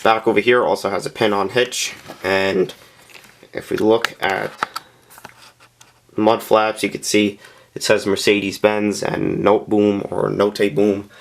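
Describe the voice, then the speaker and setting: Low-voiced man reviewing a scale model. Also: steady tone, vocal fry. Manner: hesitant and unscripted, frequent "um" and "uh" pauses; plain-spoken and candid. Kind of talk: casual product review narration.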